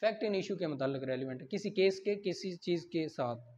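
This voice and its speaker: A law teacher with a Pakistani accent lectures in a fairly high, darkish voice, animated and fairly quick. He explains through examples, poses questions and answers them himself, and code-switches into English terms. The lecture audio is dull and lo-fi.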